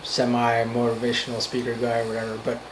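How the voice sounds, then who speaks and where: A man giving an off-the-cuff motivational monologue, earnest and emphatic, in halting phrases that repeat for emphasis. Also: mid-range voice, completely flat delivery, background noise. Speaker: amateur motivational speaker.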